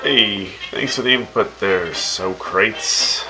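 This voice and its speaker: In a fan radio drama, a man plays a brash, opinionated radio host who teases his guests and delivers swaggering speeches and lively jokes. His voice is lowish and slow, with music playing behind.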